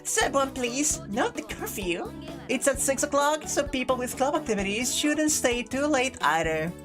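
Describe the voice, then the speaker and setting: A woman voicing a slightly unhinged, energetic female homeroom teacher from a visual novel, with a menacing edge to her cheer. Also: high voice, normal speed, music in the background, voice pushed up. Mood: cheerfully strict.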